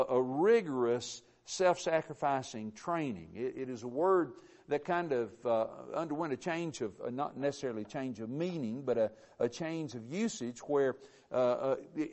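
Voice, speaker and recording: A man preaching a sermon, earnest and emphatic, with frequent halting restarts. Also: medium pitch, darkish tone.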